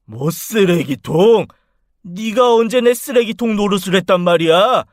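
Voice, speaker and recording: A man's voice: high-pitched, expressive, unhurried, no room sound, clean studio sound. A man playing a hot-tempered bullying old father. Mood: furious. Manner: harsh, scornful outbursts. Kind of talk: radio drama acting.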